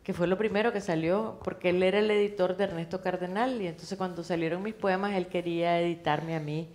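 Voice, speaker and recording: Low-voiced woman on a book panel. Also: fairly even intonation, a little fast, a little mellow. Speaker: poet and novelist, panel guest. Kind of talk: casual panel talk.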